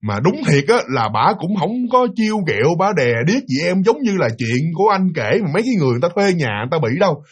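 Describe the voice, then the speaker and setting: A man voicing his frightened middle-aged mother, pleading in a soft, hushed voice. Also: fairly high pitch, big pitch swings, fast, few pauses, breathy edge. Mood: troubled.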